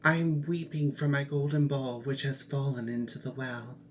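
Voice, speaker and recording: A man voicing a spoiled young princess in a fairy tale, pitching his voice high and pleading eagerly. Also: flat delivery, moderate pace, slight background noise, close to an everyday voice. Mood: tearful.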